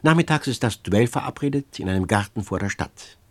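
A man's voice: on the low side, expressive, no echo. A man doing a stern, resigned man. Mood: grave. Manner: stern, measured, firm. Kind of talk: audiobook reading.

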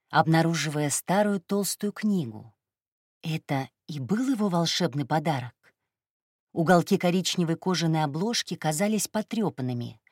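A woman reading a first-person story aloud in a calm, even narration. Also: sits low, dry recording, studio quality. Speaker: audiobook narrator.

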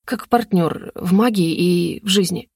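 A woman voicing a reserved, stubborn young male shaman who speaks slowly, low and soft. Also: creaky, slightly rough, no room sound, studio quality, full character voice. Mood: earnest, halting. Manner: slow, low and soft-spoken.

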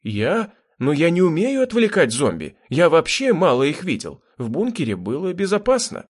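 Робкий молодой инженер в исполнении мужчины, оправдывается, голос чуть выше обычного. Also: male voice, on the high side, wildly swooping pitch, moderate pace, husky, voice pushed up, full character voice. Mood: defensive. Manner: defensive, apologetic. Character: young male engineer, timid and apologetic.

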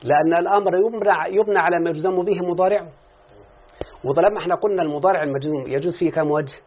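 In this muffled, phone-like classroom recording, a man with an Egyptian Arabic accent explains grammar through examples, often making sure the listener keeps up. He speaks rapid-fire in a high-sitting voice, and a faint hiss or hum is audible.

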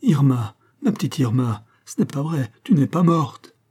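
A man's voice: mid-range voice, normal speed, warm tone, pitched above the performer's own voice, close to an everyday voice. A man voicing a desperate young ex-convict who pleads his innocence in a frantic, protesting way. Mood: anguished.

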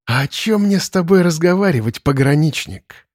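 A man's voice: a little high, expressive, moderate pace, no room sound, studio quality, pitched above the performer's own voice. Man voicing a sneering bird spirit in stolen body. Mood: taunting. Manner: sneering, taunting. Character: mocking shapeshifting bird spirit in a boy's body. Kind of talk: audiobook character voice.

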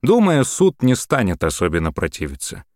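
A man voicing a cool, stern young male landowner with a measured way of talking, in an audiobook. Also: lowish voice, wildly swooping pitch, no echo, studio quality, voice pushed up.

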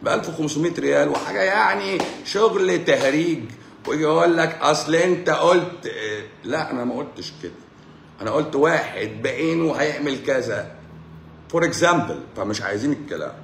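Fast-talking Egyptian man lecturing in an echoey room. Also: fairly high pitch, lively intonation, creaky, a little hiss or hum. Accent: Egyptian Arabic. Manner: lecturing, blunt, with frequent rhetorical checks. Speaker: doctor, channel host. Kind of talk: livestream talk to viewers.

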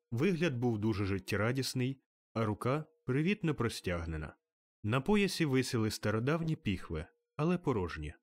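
A man giving expressive, measured audiobook narration of a classic tale. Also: on the low side.

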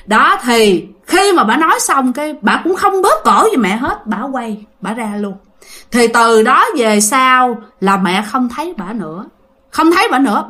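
A woman's voice: a little high, bright, forceful tone. A woman telling a ghost story in a chatty way, addressing listeners directly. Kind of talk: casual ghost story narration.

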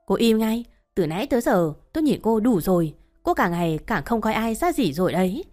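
A woman's voice: medium pitch, very animated, fairly quick, mellow, close to an everyday voice. A woman voicing an angry young husband who snaps orders curtly at his wife, over faint music. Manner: curt, commanding.

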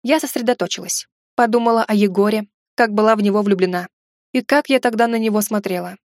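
A woman's voice: medium pitch, quick pace, no echo, clean studio sound. Woman narrating an ironic audiobook. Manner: lively, ironic storytelling. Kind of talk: first-person audiobook narration.

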